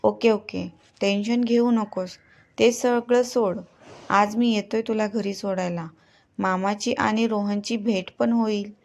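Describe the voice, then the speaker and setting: A woman's voice: mid-range voice, fairly even intonation, slow, darkish tone. A woman voicing a young man in a storybook reading, an easygoing friend who reassures and offers help. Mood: reassuring.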